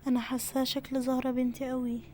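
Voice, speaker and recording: A woman's voice: high-pitched, monotone, fast, noisy background, lightly acted. A woman with an Egyptian accent voicing a kind, grieving mother who lost her daughter, talking tenderly, in a game role-play. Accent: Egyptian Arabic.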